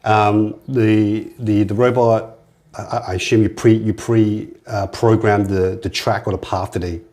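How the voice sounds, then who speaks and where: A man's voice: on the low side, level tone, measured pace, a little mellow. A man hosting a casual interview podcast, often repeating words and restarting his sentences.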